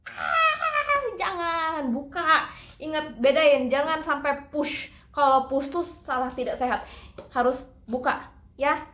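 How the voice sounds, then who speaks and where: A high-voiced woman coaches singing in a relaxed, talkative way and demonstrates each point with sung operatic lines. The room around her is echoey. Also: a little slow. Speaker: singing teacher. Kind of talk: casual singing lesson.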